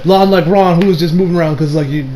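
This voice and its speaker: A man's voice: on the high side, fairly even intonation, quick pace, dark tone, poor audio. A young man giving casual, rambling commentary, full of fillers and casual swearing. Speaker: online commentator.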